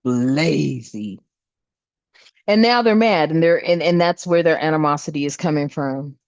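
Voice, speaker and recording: A woman's voice: deep voice, expressive, a little slow, darkish tone, no room sound. A woman giving a casual spiritual tarot reading, talking bluntly and emphatically and swearing often. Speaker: tarot reader. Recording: dull lo-fi dry sound.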